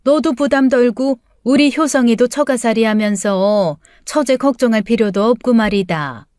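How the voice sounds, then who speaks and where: A woman reading as a scheming older mother-in-law, her fairly high voice sliding between sweet coaxing and curt scolding. The audiobook recording is close and dry, with no room sound. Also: moderate pace, a little mellow, no echo, lightly acted. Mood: dismissive. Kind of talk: audiobook character voice.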